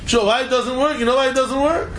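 A man's voice: very high voice, steady tone, quick pace, fairly bright tone, a little hiss or hum. A man with lecturing informally as a Talmud teacher, asking rhetorical questions and repeating phrases for emphasis.

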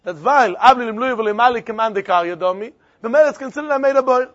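A man's voice: very high voice, fast. A man with a Yiddish accent teaching Talmud in yeshiva idiom, arguing through repeated rhetorical questions. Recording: dull lo-fi recording.

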